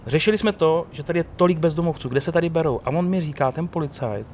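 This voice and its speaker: Man, casual storyteller, lively and quoting others, faint street noise behind. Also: a little high. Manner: animated storyteller, quotes others. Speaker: guest telling of police ride-alongs. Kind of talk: casual chat.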